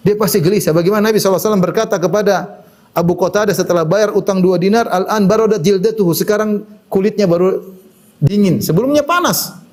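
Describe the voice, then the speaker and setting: A man's voice: high-pitched, fast, darkish tone. A man giving a religious lecture in a conversational way, often adding "ya" and quoting Arabic sayings. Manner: conversational, frequent "ya" fillers, quotes Arabic hadith. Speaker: Islamic preacher.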